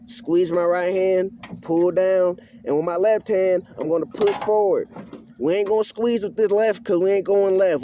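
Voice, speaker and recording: A man's voice: sits high, dark tone. Folksy man instructor over background noise. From rural area. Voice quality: colloquial country phrasing. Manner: folksy, repeats instructions step by step. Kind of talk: casual hands-on tutorial. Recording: clear background noise, outdoor ambience.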